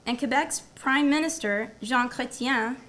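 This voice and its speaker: A woman's voice: high-pitched, measured pace, a bit bright. A woman professor presenting at a university symposium before a live audience, moving from a prepared talk to quizzing the audience and repeating their answers. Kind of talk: academic presentation with audience quiz.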